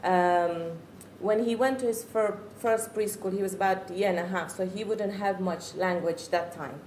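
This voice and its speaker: In an echoey room with faint noise, a Czech-accented, middle-aged native Czech speaker from the Czech Republic shares a reflective, earnest testimony as a parent, groping for her words. Her medium-pitched voice is a little mellow, fairly even in intonation, and moves at a normal pace.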